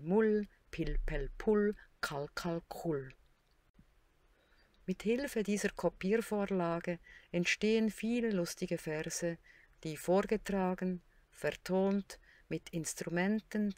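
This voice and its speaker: A woman narrating a teaching tutorial in a scripted way, sounding out syllables slowly and clearly. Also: on the low side, darkish tone, no echo.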